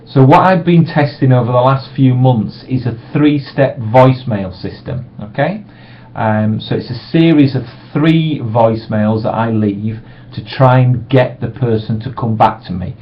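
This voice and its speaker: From a small room, a middle-aged man gives a casual, reassuring sales training talk in an unhurried, mid-range voice, brightly acting out sample voicemails. He's captured on a webcam microphone, so the audio is dull and lo-fi with slight background noise.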